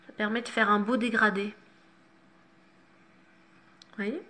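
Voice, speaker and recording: A woman's voice: medium pitch, steady tone, measured pace, pushed and bright. A middle-aged woman talking viewers through a makeup tutorial, chatty and instructive, with self-mocking asides. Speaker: makeup vlogger.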